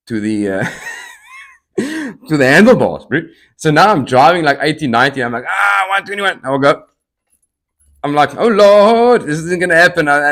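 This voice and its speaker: A man's voice: medium pitch, a bit bright. A man in his thirties hosting a podcast, telling personal stories, jumping from one topic to another and acting out quoted conversations, with tics breaking into his speech now and then. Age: 30s. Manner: jumps between topics, acts out quoted dialogue; tics and sudden outbursts mid-speech. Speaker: podcast host. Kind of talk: personal storytelling monologue.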